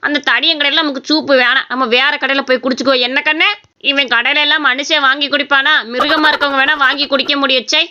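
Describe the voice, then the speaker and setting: A woman's voice: high voice, steady tone, fast talker, bright, forceful tone, highs cut off. A woman voicing a cheeky, bossy young village man in a cartoon. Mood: explaining. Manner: bossy, mocking. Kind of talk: cartoon voice acting.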